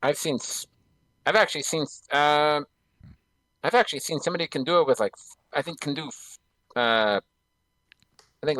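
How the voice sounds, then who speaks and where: A man's voice: fairly high pitch, a bit bright, no room sound, low-quality recording. A man chatting on a casual group voice call, goofy and prone to rambling, hesitant restarts. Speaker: call participant.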